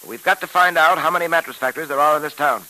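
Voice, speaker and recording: Old radio show detective, patient and sure of himself, lecturing his sidekick, bright crisp voice. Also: fairly high pitch, rapid-fire, poor audio. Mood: explaining. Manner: patient, lecturing, self-assured. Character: calm, clever male police detective who explains patiently. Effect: old radio show broadcast. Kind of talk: 1940s radio acting.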